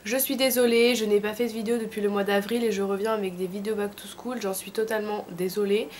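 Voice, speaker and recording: A woman's voice: medium pitch, flat delivery, fast, a little hiss or hum. A woman in her late teens from France with a thick, sore-throat voice from tonsillitis, giving informal, slangy advice in a casual vlog. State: sick with a throat infection. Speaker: vlogger.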